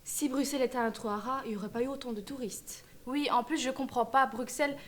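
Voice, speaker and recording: A woman's voice: high voice, fairly even intonation, fast, a little hiss or hum. A young woman from Belgium, an earnest student speaking up. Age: young adult.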